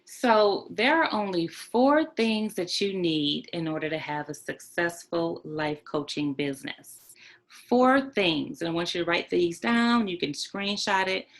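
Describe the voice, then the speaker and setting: Female coach-trainer, lowish voice, emphatic teaching style, keeps repeating points and checking in with the listener. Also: lively intonation, a little slow. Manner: emphatic, repeats key points with "right?" and "okay?". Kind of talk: online training talk.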